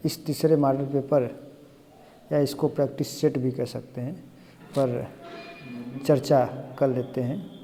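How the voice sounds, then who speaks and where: In an exam-prep lesson, a man teaches Hindi grammar, walking through each answer step by step and often checking in with "है ना?" His voice sits on the high side and sounds warm, echoing as if in a large hall.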